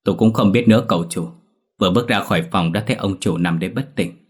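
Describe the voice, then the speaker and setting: A man's voice: sits low, steady tone, fast talker, slightly rough. A man voicing a frightened elderly housemaid who pleads in a shaky voice in a spoken ghost story. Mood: frantic. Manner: trembling, pleading.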